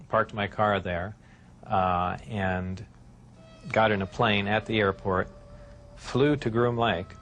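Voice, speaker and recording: Guy on an old worn vhs tape, lowish voice, lots of uh pauses while he answers questions. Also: fairly bright tone. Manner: hesitant, many filler pauses. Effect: worn VHS tape copy with faint hiss. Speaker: interviewee.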